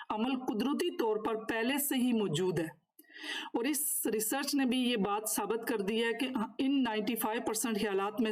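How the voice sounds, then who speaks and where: A woman instructor with a fairly high-pitched voice delivers a course lecture in formal, instructive wording. She alternates between reading from notes and explaining in her own words.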